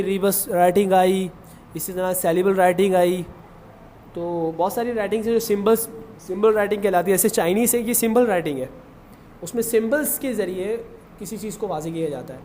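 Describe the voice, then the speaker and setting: A male Urdu lecturer with a Pakistani accent explaining a poem to a class, reciting verses slowly and quizzing students with questions. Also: sits high, a little mellow, slight background noise.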